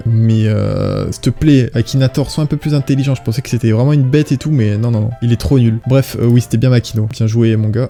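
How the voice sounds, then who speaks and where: Young man, game commentary, reads questions then answers, hesitant fillers, mellow voice. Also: mid-range voice. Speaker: YouTuber. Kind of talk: casual commentary while playing a guessing game.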